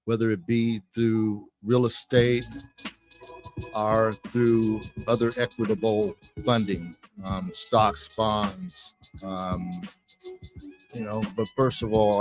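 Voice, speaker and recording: A man giving a halting, thoughtful, unscripted testimonial for a public service announcement. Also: lowish voice, rough recording. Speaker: community member giving an opinion.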